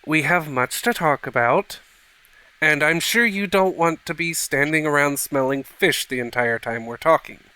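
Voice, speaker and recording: A man voicing an exiled young male dog who speaks calmly and matter-of-factly. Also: on the high side, moderate pace, clean tone, no echo, poor audio. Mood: dry.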